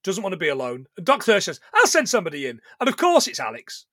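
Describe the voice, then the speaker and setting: A man's voice: high-pitched, quick pace, no echo, clean studio sound. A man co-hosting a casual chat, recapping a film with lots of laughter and swearing. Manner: animated, sweary, laughs a lot. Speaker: podcast co-host recapping a film.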